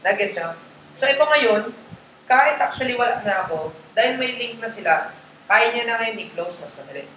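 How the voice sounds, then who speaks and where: Bright-voiced man coaching a roomy hall. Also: very high voice, expressive, moderate pace. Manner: casual, mixes English into Tagalog, checks in with listeners often. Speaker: network marketing trainer. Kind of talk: live coaching session to a group. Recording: roomy echo, faint background noise.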